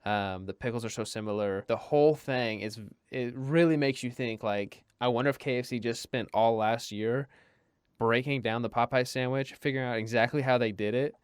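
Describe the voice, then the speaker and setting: A man's voice: medium pitch, normal speed, clean tone, no echo, clean studio sound. A young man talking casually over his own video as a food reviewer, chatty and self-deprecating, rambling with restarts.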